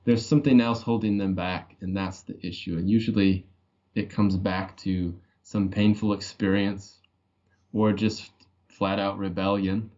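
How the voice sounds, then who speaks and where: A man's voice: deep voice, level tone, a little slow, darkish tone. A male guest speaking in a conversational podcast interview, earnest and reflective, working through hypothetical questions. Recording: dull lo-fi audio.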